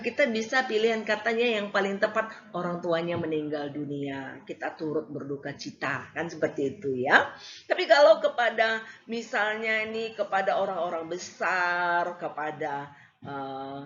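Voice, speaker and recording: A woman's voice: fairly low pitch, normal speed, fairly bright tone. A woman lecturer giving a casual classroom lecture, hesitating with many fillers and acting out examples. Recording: slightly dull lo-fi recording.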